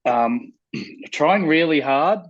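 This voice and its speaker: A man's voice: a little high, animated, extremely slow, lo-fi sound. A man talking casually about his band over a video call, enthusiastic, repeating words and using many fillers. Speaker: band member guest.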